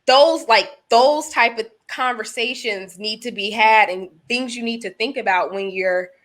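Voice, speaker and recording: A woman's voice: fairly high pitch, measured pace, a bit bright. A woman in her thirties co-hosting a podcast, talking through her points with examples in a casual chat. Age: 30s. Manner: thoughtful, talks through examples. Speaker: podcast co-host.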